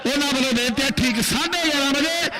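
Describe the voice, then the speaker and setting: A man's voice: extremely high pitch, fast, a loud crowd. A man with a Punjabi accent doing live commentary and public announcements at a kabaddi match. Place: outdoor kabaddi tournament ground. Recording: echoing outdoor PA system.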